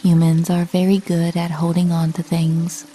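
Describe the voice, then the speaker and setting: A woman's fairly low voice carries a soothing, bedtime-story style sleep meditation, read from a script with measured delivery. She pauses at length, and faint music can be heard in the background.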